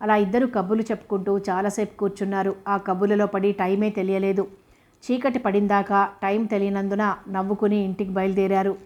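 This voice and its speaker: Woman narrating a novel in an even, flat voice. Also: medium pitch, brisk, muffled recording. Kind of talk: audiobook novel reading.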